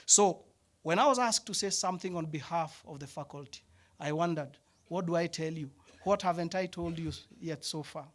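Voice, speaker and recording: High-voiced man giving a heartfelt speech. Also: normal speed. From Africa. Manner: emotional, reflective, conversational. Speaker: head of animation department giving faculty speech. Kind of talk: graduation ceremony speech. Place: ceremony hall.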